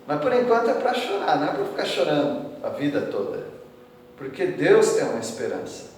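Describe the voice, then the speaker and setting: Brazilian pastor preaching in an echoing church hall. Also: male voice, a little high, sing-song, brisk, a little mellow, a little hiss or hum. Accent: Brazilian Portuguese. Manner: conversational, asks the congregation tag questions; reads scripture verses aloud with rising emphasis. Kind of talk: expository sermon. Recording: echoey church hall from far off.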